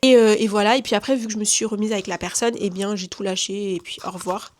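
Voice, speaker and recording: A woman's voice: medium pitch, quick pace. A young woman from France telling a personal story in casual slang, acting out what people said. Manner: chatty, lively slang, acts out quotes. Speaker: vlogger giving testimony.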